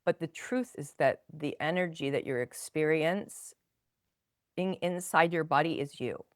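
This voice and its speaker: A woman with a fairly low voice speaks gently in a podcast interview. She explains in long, flowing run-on thoughts with a reflective calm. The sound is close and dry, with no room around it. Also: a little slow, dry recording. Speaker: guest, spinal energetics practitioner.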